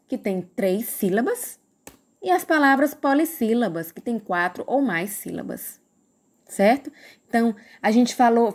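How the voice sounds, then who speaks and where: Speaking with a fairly high pitch, this Brazilian Portuguese-accented woman leads a recorded grammar lesson. She draws her words out patiently and quizzes the class as she goes.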